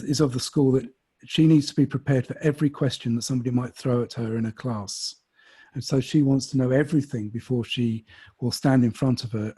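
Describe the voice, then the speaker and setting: A man's voice: mid-range voice, dark tone, husky. A man on a video call, talking thoughtfully with frequent ums and restarts. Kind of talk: casual video call discussion.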